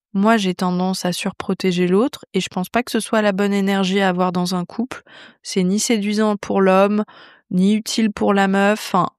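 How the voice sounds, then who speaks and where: A young French woman hosting a podcast, telling a personal story in a chatty, animated way with many fillers. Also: mid-range voice, no room sound, studio quality. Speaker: podcast host. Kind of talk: storytelling monologue.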